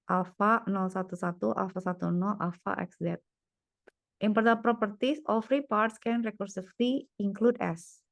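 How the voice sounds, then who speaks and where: Woman tutor, unhurried delivery, dry close sound, mutters through each step while thinking aloud. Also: mid-range voice, steady tone, gravelly, no room sound. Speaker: private tutor. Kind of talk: one-on-one tutoring, working through problems aloud.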